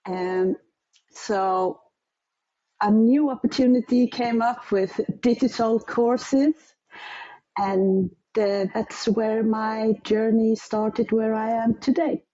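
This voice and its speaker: A middle-aged woman from Iceland with an Icelandic accent, telling her story as an interview guest and pausing to search for English words. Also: a little high, steady tone, warm tone, lo-fi sound.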